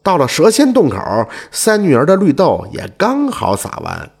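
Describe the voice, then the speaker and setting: Lively male storyteller with husky voice. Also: high voice, moderate pace. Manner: lively, animated. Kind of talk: folk tale storytelling.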